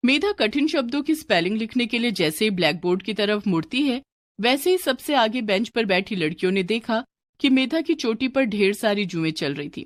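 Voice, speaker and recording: A woman narrating a scripted children's story in a clear, expressive way. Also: fairly high pitch, normal speed.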